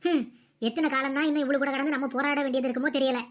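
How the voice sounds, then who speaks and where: A woman's voice: high-pitched, steady tone, racing, natural voice. A woman voicing a bossy, scolding mother-in-law in a cartoon comedy. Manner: nagging, scolding, sharp-tongued.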